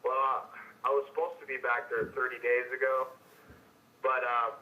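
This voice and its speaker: A man's voice: mid-range voice, flat delivery, moderate pace, pushed and bright. A man on the other end of a sales call, heard over a speakerphone, hesitant and stammering. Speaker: homeowner taking a sales call. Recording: dull phone line on speakerphone.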